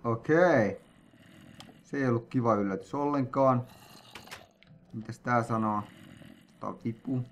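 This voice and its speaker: Excitable man narrating his gameplay. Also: mid-range voice, long pauses, a little hiss or hum. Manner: excitable, jokey, with sudden yelps and sing-song noises. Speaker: gamer playing a player-made map. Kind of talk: let's-play commentary.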